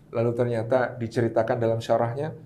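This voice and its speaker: A man's voice: mid-range voice, quick pace. A man preacher in a casual religious talk, telling stories and acting out the quotes. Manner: storytelling, animated with acted quotes. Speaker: Islamic preacher guest. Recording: roomy echo.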